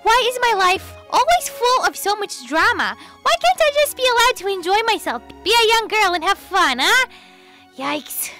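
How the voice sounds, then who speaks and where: A woman voicing a chatty young girl heroine in a game roleplay, rambling and animated. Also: very high-pitched, moderate pace, soft background music, full character voice. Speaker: channel host. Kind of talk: Minecraft roleplay voice acting.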